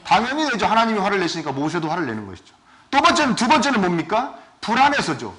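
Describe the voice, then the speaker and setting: Animated Korean pastor preaching. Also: male voice, high voice, fast talker. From South Korea. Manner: asks the congregation questions often; animated, swings between loud and soft. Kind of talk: sermon.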